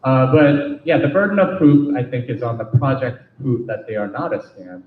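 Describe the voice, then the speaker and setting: At a meetup Q&A talk in a meeting room, a man speaks bluntly and fires rhetorical questions at the audience. His voice is medium-pitched at normal speed, heard from a distance. The sound is roomy, dull and lo-fi with faint noise.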